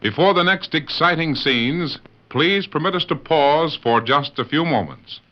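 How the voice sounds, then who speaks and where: A man's voice: on the high side, expressive, a little slow. Male 1940s radio announcer, muffled. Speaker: announcer and narrator. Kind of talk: 1940s radio scripted narration. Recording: muffled old radio recording.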